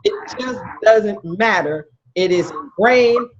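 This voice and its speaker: A woman's voice: mid-range voice, expressive, slow pace, dull audio, slight background noise. A woman minister teaching a class, emphatic, posing questions to her listeners and repeating their answers back. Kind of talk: interactive spiritual lecture.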